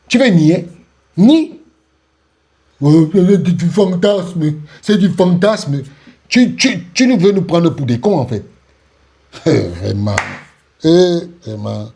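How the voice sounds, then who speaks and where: A man with a fairly high, warm voice reacts to an interview clip with sarcastic, taunting commentary. He mocks it by repeating phrases and laughing scornfully.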